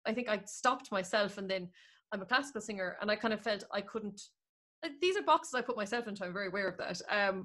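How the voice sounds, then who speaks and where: A young Irish singer appears as a guest in a casual interview chat, speaking over a video call with an earphone mic from a room at home. Her medium-pitched voice is animated, running on in long flowing stretches with quoted asides.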